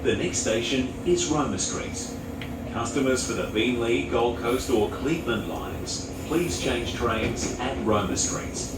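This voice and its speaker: A man making formal prerecorded train announcements, his words spliced together, heard over a carriage loudspeaker. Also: measured pace. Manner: formal, evenly paced announcing. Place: inside a moving train carriage. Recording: echoey loudspeaker from far off, loud train noise. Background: train rumble and air conditioning.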